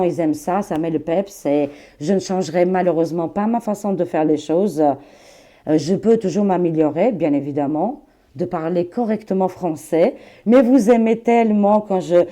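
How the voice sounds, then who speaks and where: A woman's voice: on the low side, warm tone. A woman in her forties with an Albanian accent, talking casually to her viewers as a tarot channel host, chatty and laughing, with many fillers. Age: 40s.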